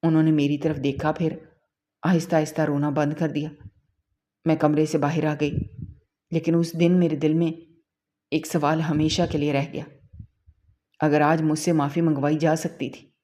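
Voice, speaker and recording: Low, mellow-voiced woman narrating a story. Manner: calm, even reading of a sad family story. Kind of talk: scripted first-person story narration.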